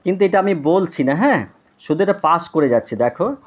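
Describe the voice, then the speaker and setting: A tutor reading an English lesson slowly and clearly for young children, then explaining it. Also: medium pitch, lively intonation.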